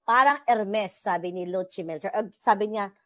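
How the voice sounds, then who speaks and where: A woman's voice: medium pitch, normal speed, no echo. Chatty Filipino woman host, dry sound. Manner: chatty, mixes Tagalog and English, laughs often. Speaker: livestream host. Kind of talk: casual chat with viewers.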